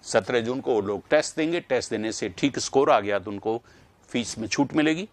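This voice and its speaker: A man's voice: medium pitch, brisk. A man teaching a live online exam-prep class, reading out students' names and drilling pronunciation aloud.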